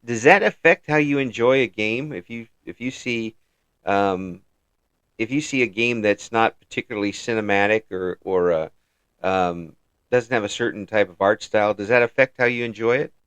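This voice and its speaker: A fairly low-pitched man hosts a casual interview. He chuckles often and stumbles over his own phrasing as he builds each question. The sound is close and dry, with no room in it. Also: moderate pace, fairly bright tone, smooth, no echo. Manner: chuckles often, repeats words while framing questions. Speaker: interview host.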